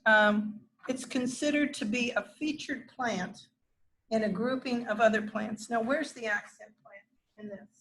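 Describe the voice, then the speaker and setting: In a low-quality recording, a middle-aged woman with a fairly high, fairly bright voice speaks unhurriedly. She's teaching gardening to a room of learners in a casual classroom lecture, wandering into asides and restarting thoughts.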